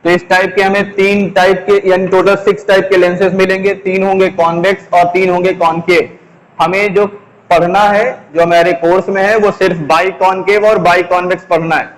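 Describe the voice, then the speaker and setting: A man teaches a class while writing on a board, speaking in a high, steady voice that holds an even pitch. He moves slowly, repeats every key term and poses questions to his students, and a long hall-like reverb rings around him.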